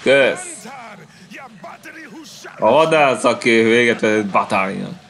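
A man commentating his own game playthrough, calm and hesitant between fights and yelling at the screen during them. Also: on the low side, creaky. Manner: hesitant with filler pauses when calm. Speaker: gameplay commentator. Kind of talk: let's play commentary.

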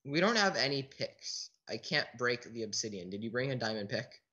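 Man, gaming commentary, casual, chatty, restless, mid-pitched voice. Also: animated, moderate pace, bright, forceful tone. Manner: chatty, restless, talks to an unheard teammate. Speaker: gaming channel host. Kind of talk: casual let's play commentary.

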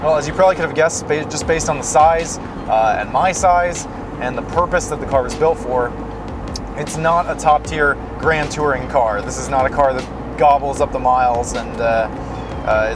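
A man casually reviewing a car in a vlog, thoughtful and measured. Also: mid-range voice, noisy background. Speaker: road trip vlogger.

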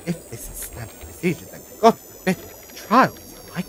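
Guy doing a sarky sceptical doctor hero, halting but very animated, audio drama. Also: high-pitched, slight background noise, exaggerated voice. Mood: alarmed, indignant. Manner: hesitant, sardonic. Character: wry, sceptical male time-travelling doctor, quick-witted and indignant.

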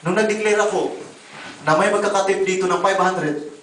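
High-voiced preacher in an echoey hall. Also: male voice, normal speed, slight background noise. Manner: animated, voices quoted people, addresses congregation as brother and sister. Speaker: pastor. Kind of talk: preaching sermon with testimonies. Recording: echoey room, voice from a distance.

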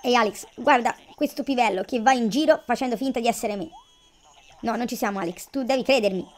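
A woman's voice: a little high, fast, natural voice. A woman reading aloud the lines of a boastful male gorilla villager from a cartoon life game. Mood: mocking.

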